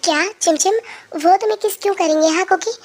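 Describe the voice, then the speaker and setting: A young woman voicing a hot-tempered but tender young woman mafia boss who dotes on her partner. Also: extremely high pitch. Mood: possessive. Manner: doting, quick to scold then apologize. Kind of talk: fan-fiction story voice acting.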